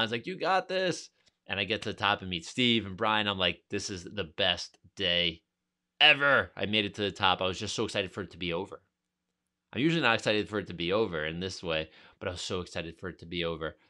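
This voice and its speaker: A man from New York, hosting a podcast, telling a long personal story in a rambling, energetic way and acting out what people said. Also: low-pitched, clean tone. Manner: rambling, energetic, acts out quotes. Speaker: podcast host. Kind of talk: casual storytelling monologue.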